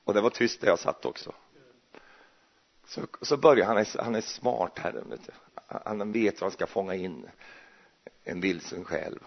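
A man's voice: deep voice, lively intonation, vocal fry, pauses often, husky. A male preacher, giving a chatty, joking sermon full of restarts. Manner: chatty and jokey, with many restarts. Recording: muffled, dull recording.

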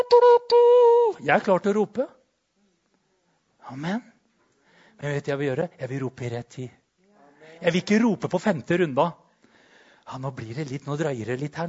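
A high-pitched man preaching with charismatic fervor, jumping between hushed murmurs and sudden shouts. The sound is dull and lo-fi. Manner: swings between loud exclamations and soft murmurs, shouts and tongues. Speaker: pastor. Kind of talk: charismatic sermon.

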